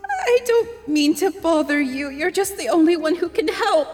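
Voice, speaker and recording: An actress voicing a goddess in disguise as a humble young hairdresser, ingratiating and pleading in a podcast audio drama. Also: female voice, extremely high pitch, very animated, moderate pace, darkish tone, big-room sound, soft background music.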